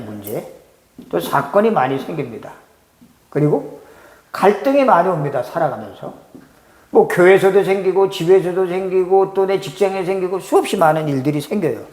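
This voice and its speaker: A man's voice: sits high, a little mellow. A man, a pastor, preaching a sermon and asking the congregation rhetorical questions. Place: church sanctuary. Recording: echoey church hall reverb.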